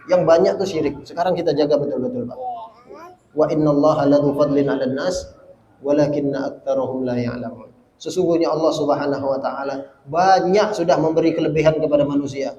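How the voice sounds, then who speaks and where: Animated preacher in an echoey mosque. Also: male voice, fairly quick, dull audio, slight background noise. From Indonesia. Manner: animated, rises loud and high when voicing scripture and the damned; addresses listeners as "Pak" often, folksy. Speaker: Islamic preacher. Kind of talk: mosque sermon to a congregation. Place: mosque hall. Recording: echoey mosque hall with faint ambience.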